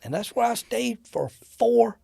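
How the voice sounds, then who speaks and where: Gravelly-voiced man telling a story. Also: extremely high pitch, measured pace, dry recording, studio quality. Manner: animated, acts out the people in his stories. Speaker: interview guest telling war-era travel stories. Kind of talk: casual storytelling.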